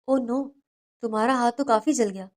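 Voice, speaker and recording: A woman voicing a caring young husband who talks with quick, worried concern in a storybook reading. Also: extremely high pitch.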